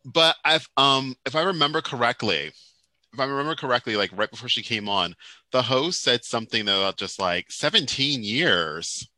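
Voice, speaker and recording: A man co-hosting a casual chat, rambling and animated, full of restarts and asides. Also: mid-range voice, fairly quick, no room sound. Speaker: podcast co-host. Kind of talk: casual chat about Japanese pop music.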